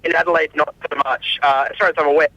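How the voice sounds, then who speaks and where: A man's voice: on the high side, steady tone, quick pace, pushed and bright. Man, phone line dropping out, dull lo-fi sound, laid-back rambling talk. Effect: breaking-up phone line cutting out. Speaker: touring band member interviewed by phone. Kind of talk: casual interview.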